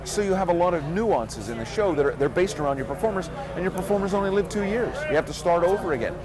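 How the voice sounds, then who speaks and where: A man's voice: high-pitched, expressive, quick pace. A man who works as a flea circus showman giving earnest, reflective answers in a casual interview. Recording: outdoor recording amid crowd chatter. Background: crowd and street noise outdoors.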